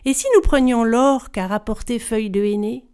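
A woman's voice: a little high, normal speed, darkish tone, clear, resonant tone, natural voice. A harsh, greedy stepmother , as a woman storyteller puts her on, barking orders. Her tone is cold and contemptuous, with no room for argument. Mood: commanding.

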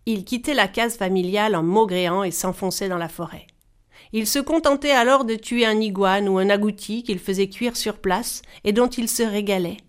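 A woman storyteller reading a folktale aloud in a measured, expressive style. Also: mid-range voice, clear, resonant tone. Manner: measured, animated voices for characters.

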